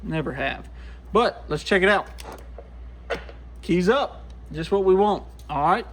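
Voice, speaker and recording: His voice is high-pitched and a bit bright, with lively intonation and a slightly slow pace. He's a radio repair vlogger working at a bench in a small indoor workshop, talking to himself in an easygoing, folksy manner.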